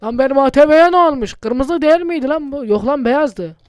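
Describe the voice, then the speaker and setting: A man's voice: very high-pitched, animated, fairly quick, no echo. A man doing casual, chatty gameplay commentary for his channel, muttering to himself and swearing often. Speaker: gaming YouTuber.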